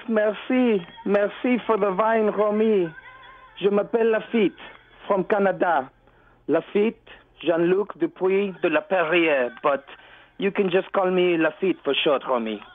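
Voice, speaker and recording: A man's voice: high-pitched, a little hiss or hum. A man voicing a boastful, theatrical French-Canadian caller with a thick put-on French accent, calling in by phone. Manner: pompous, showy, drawn-out. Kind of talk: comedic call-in bit. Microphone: telephone. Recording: tinny phone line.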